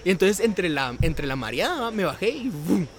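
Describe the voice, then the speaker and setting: A young man with a Guatemalan Spanish accent tells a story in a casual chat. His voice sits high and swings widely, and he acts out the people he quotes with frequent laughs. His delivery is lively throughout. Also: moderate pace.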